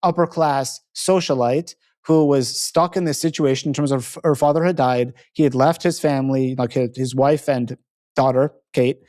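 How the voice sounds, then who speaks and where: With a darkish, medium-pitched voice, fairly even intonation and a normal pace, a male podcast host chats and drifts a bit off track. He leans heavily on "like" and "you know" and corrects himself mid-thought.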